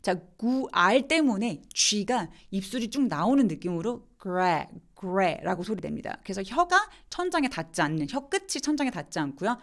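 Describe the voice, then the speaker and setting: A woman teaching English pronunciation in a live online lesson, slowly demonstrating words and answering viewer questions. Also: medium pitch, very animated.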